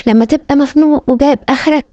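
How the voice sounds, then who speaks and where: A woman's voice: sits high, fairly even intonation, racing, mellow, no room sound, lo-fi sound. A woman with an Egyptian accent doing comic voice-overs for animal clips in playful, bantering colloquial speech. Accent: Egyptian Arabic. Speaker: comic voice-over dubber.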